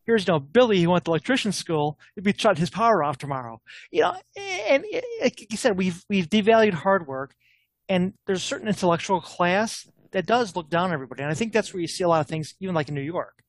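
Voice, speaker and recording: Fast-talking guy on a podcast, kinda high voice, dry close mic, blunt and opinionated. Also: expressive, dry recording. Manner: talks fast with frequent restarts, blunt and opinionated. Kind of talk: casual political chat.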